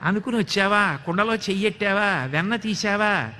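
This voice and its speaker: A man's voice: high-pitched, normal speed, pushed and bright, slight background noise. A man voicing an exasperated village milkmaid who scolds a boy with mocking, incredulous questions. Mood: incredulous scolding.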